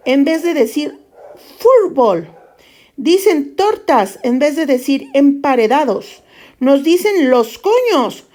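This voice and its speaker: Brief: exasperated Spanish exile griping about local speech, read by a woman, mocking and raised in pitch. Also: a little mellow. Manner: mocking, indignant, exclamatory. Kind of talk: dramatic reading of a play scene.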